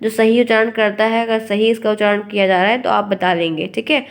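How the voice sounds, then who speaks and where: A woman's voice: medium pitch, fairly even intonation, brisk, creaky. Hindi woman teacher drilling pronunciation. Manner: explains and repeats words to stress correct pronunciation. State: unwell. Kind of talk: online exam-prep lesson.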